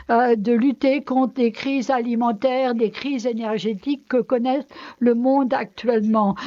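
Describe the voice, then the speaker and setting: A woman interpreting speeches live, hesitant and pausing often on fillers. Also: high-pitched, darkish tone. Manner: hesitant, frequent filler pauses. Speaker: simultaneous interpreter. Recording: dull lo-fi broadcast audio.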